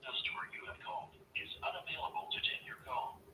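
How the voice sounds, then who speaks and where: A man's voice: fast, bright, forceful tone. A man's recorded voice giving a formal automated voicemail greeting, heard over a phone call. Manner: recorded, formal prompt delivery. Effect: automated voicemail greeting played over a phone call.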